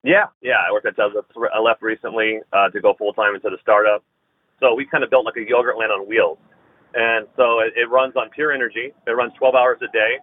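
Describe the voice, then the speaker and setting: A man calling in from his truck on speakerphone and giving a rehearsed startup pitch in rapid business jargon. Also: dry recording. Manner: rapid, jargon-heavy delivery. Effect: speakerphone call from his truck. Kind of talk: rehearsed business pitch, then casual explanation. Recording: tinny phone line, dry.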